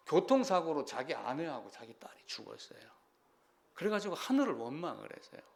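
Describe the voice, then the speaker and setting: A male pastor preaching a sermon in a lively, animated way, acting out people crying out to God. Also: fairly high pitch, vocal fry.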